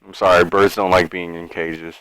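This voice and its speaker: Low-voiced man playing a tabletop game. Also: level tone, moderate pace, fairly bright tone, smooth, no room sound, rough recording. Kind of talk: casual game chat.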